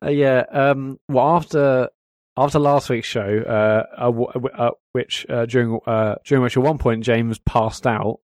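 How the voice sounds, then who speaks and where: A man's voice: mid-range voice, fairly even intonation, unhurried, darkish tone, dry recording. A man co-hosting a podcast in casual chat, throwing in dry, mocking jokes. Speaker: podcast co-host.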